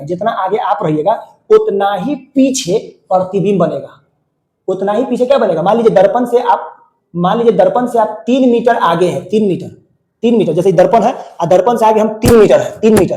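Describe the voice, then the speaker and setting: A man with a Bihari accent gives a classroom physics lesson, his voice high yet mellow in tone. He drills each point over and over, asking questions and answering them himself. The sound carries the echo of a bare room. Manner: repetitive, questioning students then answering himself. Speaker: physics teacher. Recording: echoey room.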